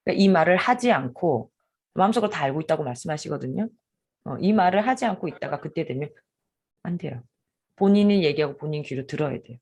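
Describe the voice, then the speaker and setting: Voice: medium pitch, lively intonation, quick pace, darkish tone, slightly rough. A parenting advisor giving one-on-one advice, explaining each step and acting out sample lines to say to a child.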